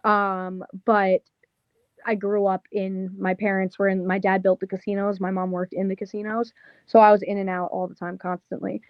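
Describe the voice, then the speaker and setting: A woman's voice: mid-range voice, little pitch movement, normal speed, dry recording, lo-fi sound. A young woman with a thick Long Island accent, a pro wrestler chatting casually in an interview, full of "like" and "um". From Las Vegas, Nevada. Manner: casual, slangy, lots of "like" and "um".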